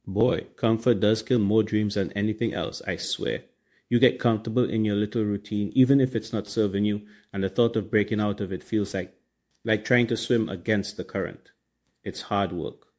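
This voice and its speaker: A man's voice: lowish voice, fairly even intonation, moderate pace, a little mellow. A man with a Trinidadian accent hosting a casual motivational podcast, talking in colloquial Caribbean slang. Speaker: podcast host.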